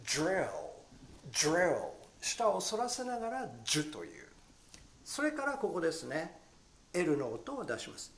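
Lively pronunciation teacher. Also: male voice, high voice, creaky, reverberant. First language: Japanese. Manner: animated, demonstrates sounds slowly and repeats them. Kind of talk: short pronunciation lesson.

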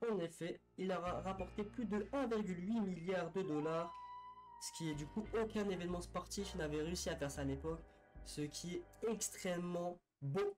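This high-pitched man has a darkish tone and keeps a moderate pace as he loosely narrates some sports history. His delivery is hesitant and littered with fillers and false starts, over faint music on a rough recording.

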